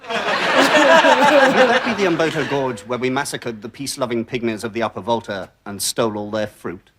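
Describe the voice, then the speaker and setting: An actor playing a prim, officious staff captain with a stiff, prissy manner, in a played-back TV comedy clip. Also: male voice, medium pitch, lively intonation, a little fast, heavy background noise, lightly acted.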